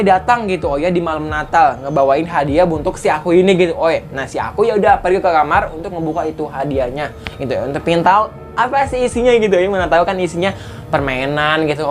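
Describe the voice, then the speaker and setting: Chatty woman reading horror stories. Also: medium pitch. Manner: chatty, exclaims "oi" and "oh my" often, laughs a lot. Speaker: horror story YouTuber. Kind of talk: reading short horror stories with casual commentary.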